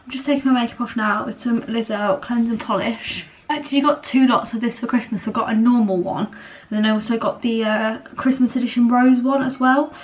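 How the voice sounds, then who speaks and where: A woman in her twenties chatting casually to her camera at home, rambling a little and filling pauses with ums. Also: on the high side, fairly even intonation, slight background noise, rough recording. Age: 20s. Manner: chatty, rambling, many fillers. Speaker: vlogger. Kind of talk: casual vlog chat. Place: at home, indoors. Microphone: camera on a small tripod.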